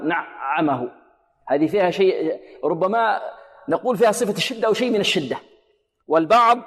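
A man teaching Quran recitation in a radio lesson, explaining letter sounds, often asking his listeners rhetorical questions and chanting words slowly to demonstrate them. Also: high-pitched, long reverb tail.

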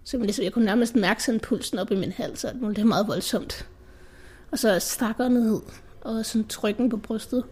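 A teenage girl speaks in a fairly high voice, earnest and hesitant. Her sentences break off and restart. Now and then she sinks into a soft whisper. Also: husky. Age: teens. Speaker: interviewee recounting an anxiety attack. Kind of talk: personal testimony in a radio documentary.

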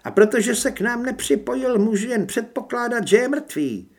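A man voicing a furious, menacing female werewolf who leads cultists, with a raised high voice, in an audiobook. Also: expressive, heavily acted. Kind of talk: audiobook character voice.

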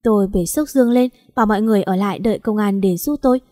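A woman narrates a story in the first person at a calm, even pace. Her voice is warm and mellow. The recording is dry and close. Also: medium pitch, quick pace, no room sound.

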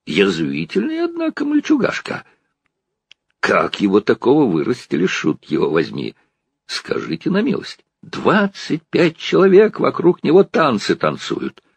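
A man reading an audiobook, voicing a proud, gruff old male organ-grinder who talks with grumbling dignity. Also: mid-range voice, wildly swooping pitch, a little slow, dry recording, voice pushed up, full character voice. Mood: wry.

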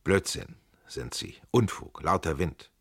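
A man voicing an excitable Sicilian gentleman who talks with indignant fervor. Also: sits low, measured pace, slightly rough, dry recording, studio quality, full character voice. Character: hot-tempered Sicilian man, voluble.

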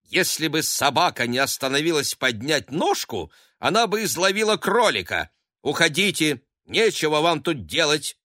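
Man playing angry rural nurse woman, scolding, shouting, high voice, dry recording. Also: big pitch swings, normal speed, dry recording, full character voice. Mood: scornful.

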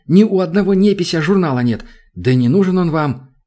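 A man's voice: animated, a little fast, dark tone. Man putting on a chirpy eager young woman. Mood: excited. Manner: high, eager chatter. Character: young female adventurer, excitable and chirpy.

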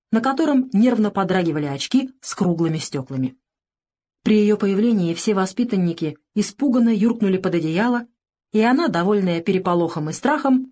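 A woman's voice: medium pitch, a little mellow. Woman narrating an audiobook.

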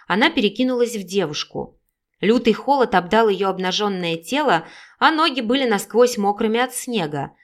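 A woman reads an audiobook in steady, measured narration. Her voice is mid-pitched and plain. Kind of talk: scripted narration.

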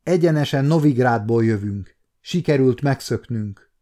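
A man's voice: mid-range voice, lively intonation, warm tone, close to an everyday voice. A man voicing an earnest, polite young male page who stumbles over forms of address. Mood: eager, polite.

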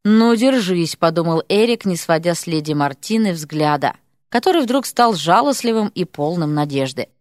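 A woman's voice: low voice, expressive, moderate pace, no room sound. Woman narrating a story, dry close sound. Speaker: audiobook narrator. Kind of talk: scripted narration.

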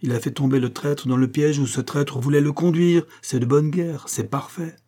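A man's voice: fairly high pitch, steady tone, moderate pace, warm tone, pitched above the performer's own voice, natural voice. A man reading the part of a proud, indignant Japanese baron in an audiobook, in a declaiming, oratorical manner. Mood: indignant oratory.

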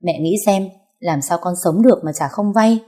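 A woman's voice: fairly low pitch, normal speed, warm tone, lightly acted. A woman voicing a spoiled, scheming young wife who gossips and complains in a giggly way. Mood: gossipy.

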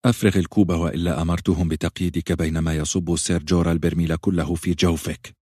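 A man's voice: low-pitched, little pitch movement, quick pace, darkish tone, no room sound, studio quality. A man voicing a young pregnant princess who speaks in a cool, commanding way in an audiobook. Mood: cold.

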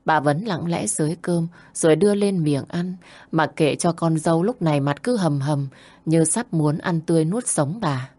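A woman narrating a family story in a calm, steady way. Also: sits low, moderate pace.

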